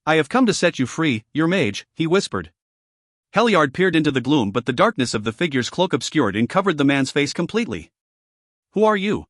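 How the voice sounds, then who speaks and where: A man reading a fantasy audiobook aloud as narrator, telling the story in a steady, measured way. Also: fairly high pitch, dry recording, studio quality.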